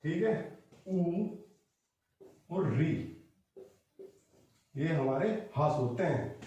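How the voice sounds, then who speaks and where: A man's voice: on the high side, lively intonation, very slow, warm tone, very echoey, distant mic. A male teacher giving a patient exam-prep lesson, drawing out sounds as he explains them. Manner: explains patiently, draws vowels out long.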